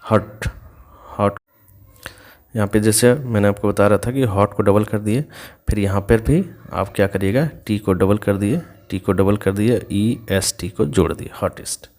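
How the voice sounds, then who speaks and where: Male tutor, low voice, patient and repetitive, spells words letter by letter. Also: measured pace, darkish tone. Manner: patient, repetitive step-by-step explaining. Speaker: English teacher. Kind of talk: explaining grammar rules in Hindi.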